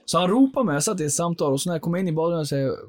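A man, a podcast guest, telling his personal life story in an earnest, animated way, with frequent fillers. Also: a little high, no echo.

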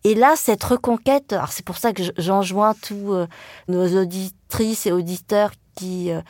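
Speaking at an unhurried pace, the woman has a medium-pitched, somewhat dark voice, heard in a dry, clean studio recording. She's a journalist and writer from France with Vietnamese as her mother tongue, hesitant and reflective in interview, frequently pausing with fillers and restarting.

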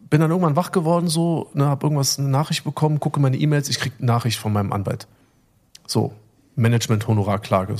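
A man's voice: mid-range voice, darkish tone. Rambling, emotional man in casual chat. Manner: rambling, emotional storytelling with many fillers. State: recovering from illness. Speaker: podcast co-host.

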